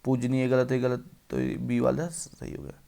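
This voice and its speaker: A man's voice: mid-range voice, monotone, moderate pace, creaky, warm tone. A male teacher running an exam-prep spelling lesson, repeating each word and quizzing the viewer.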